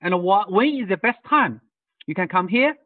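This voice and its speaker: This Tibetan man, a guest lecturer on birding tours, speaks online in a high, animated voice at a normal speed. Despite the energy, he hesitates a lot, filling gaps and starting over. The video call audio is tinny and dry, captured from a mic set well back.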